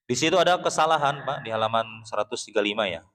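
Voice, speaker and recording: A man from West Java with a Sundanese accent, teaching Quran recitation in a mosque. He patiently explains how the letters sound, then chants verses slowly for the class to repeat, and often clears his throat. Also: mid-range voice, fairly bright tone. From Sundanese region of West Java, Indonesia. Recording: long reverb of a mosque hall.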